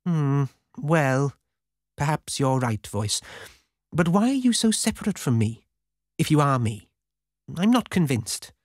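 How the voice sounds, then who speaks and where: A narrator voicing a young woman, a curious orphan rock star, in a skeptical, questioning way with lively intonation. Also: mid-range voice, unhurried, long pauses, dry recording, studio quality, voice pushed up.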